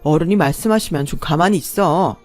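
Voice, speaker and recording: A woman's voice: low voice, fairly quick, no echo, faint music behind, close to an everyday voice. A woman voicing a petty young man who whines and snaps. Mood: irritated.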